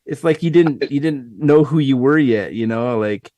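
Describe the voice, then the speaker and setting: A man's voice: medium pitch, normal speed, warm tone, no room sound. A man co-hosting a casual online show, teasing friends and calling them "dude". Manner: laughing, teasing, calls people "dude". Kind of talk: casual banter on a call.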